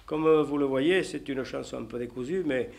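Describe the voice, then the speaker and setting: A man who sings traditional songs, explaining a folk dance in halting, fragmented phrases. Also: mid-range voice, vocal fry. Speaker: traditional singer.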